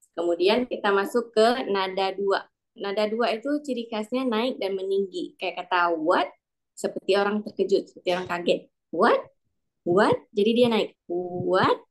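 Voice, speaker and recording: A woman teaching a class, patient and repeating each example slowly. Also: mid-range voice. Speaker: language teacher. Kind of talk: online class instruction.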